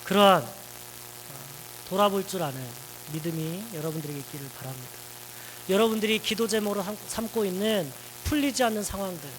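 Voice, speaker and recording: Male pastor, high voice, earnest sermon, faint background noise. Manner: earnest, asks the congregation questions.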